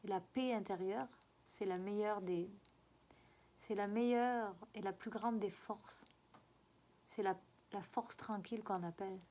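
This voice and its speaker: A woman with a regional French accent giving a spiritual guidance reading. She coaxes her listeners and repeats herself, often pausing to search for words. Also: mid-range voice, fairly even intonation, mellow. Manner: coaxing and repetitive, often halting to search for words.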